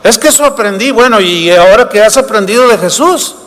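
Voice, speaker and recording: A pastor preaches a sermon from the pulpit in a voice that sits high for a man, fairly bright and fairly quick. He's animated, asking rhetorical questions and acting out short dialogues, while the long reverb of a large hall rings around him.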